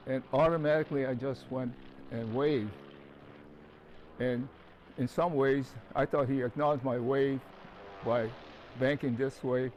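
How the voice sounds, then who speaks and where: Older man calmly recalling wartime childhood. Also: mid-range voice, a little hiss or hum. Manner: calm, measured, some hesitations. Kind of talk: oral history recollection.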